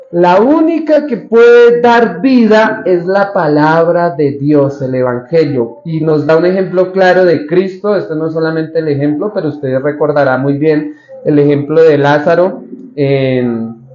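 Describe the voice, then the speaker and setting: A man's voice: fairly high pitch, darkish tone. A man preaching a sermon as pastor, speaking conversationally, asking the congregation questions and acting out the lines of Bible figures. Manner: acts out the Bible figures' lines in quoted voices. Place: church hall. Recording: roomy, slightly dull church recording.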